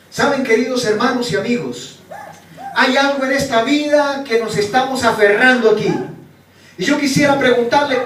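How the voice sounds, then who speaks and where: A male preacher telling a dramatic story in a sermon, moving from hushed tones to loud ones. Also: very high voice. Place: church. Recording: echoey church from a distant mic, faint background noise.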